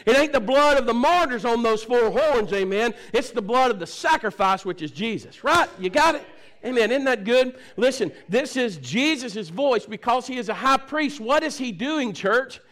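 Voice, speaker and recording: A preacher man with a very high, ringing voice, delivering a fervent sermon at a church service. He calls out to the congregation, at times shouting and at times dropping to a hushed, low delivery. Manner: swings between shouting and hushed low talk. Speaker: pastor.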